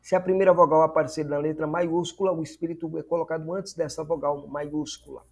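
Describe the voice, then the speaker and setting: A man's voice: fairly high pitch, little pitch movement, a little fast, a little mellow. A man teaching a lesson, explaining step by step and often checking in with "né?" and "tá vendo?". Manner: explanatory, repeats words and asks "né?" and "tá vendo?" often. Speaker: Greek teacher. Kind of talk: recorded lesson.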